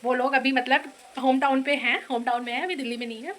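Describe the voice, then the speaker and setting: High-voiced chatty young woman vlogger. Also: steady tone, quick pace, slight background noise. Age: young adult. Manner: chatty, rambling, dramatic complaints. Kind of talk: casual vlog chat. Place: home kitchen.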